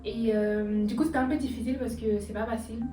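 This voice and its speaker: A woman whose first language is Bambara appears as a guest content creator, chatting casually and cheering viewers on with lots of hesitant fillers. Her voice is fairly high, steady, fast and dark. She sits far from the mic in an echoey room with music playing behind her.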